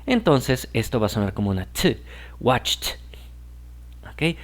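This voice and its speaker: A man's voice: mid-range voice, very animated, fairly quick. A man whose first language is Spanish, teaching English grammar in a patient explaining style and often checking that the listener follows.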